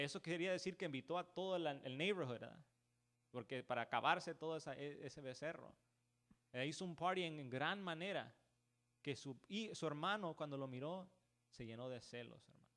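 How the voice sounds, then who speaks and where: Man preaching a church sermon, slightly high voice. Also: fairly bright tone. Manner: peppers talk with "hermano" and "¿verdad?"; restarts words, slips into English words.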